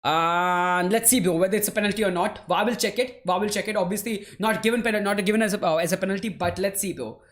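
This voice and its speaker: A man hosts a live football watchalong, calling the play and casually answering chat, calling viewers "bro" and "man" and laughing easily. His high, fairly bright voice moves fast with hardly any pauses.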